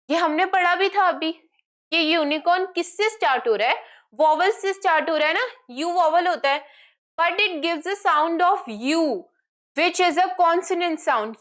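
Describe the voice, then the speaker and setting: A woman with an Indian accent teaching an online class in a high voice. She explains at an unhurried pace and keeps asking and answering her own questions. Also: a bit bright. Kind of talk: online lesson, mixing Hindi and English.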